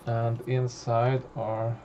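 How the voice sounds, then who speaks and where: Gravelly male game master, hesitant, filler-heavy delivery. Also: medium pitch, little pitch movement, dull audio, noisy background. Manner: halting, many fillers and restarts. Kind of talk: narrating a tabletop horror game.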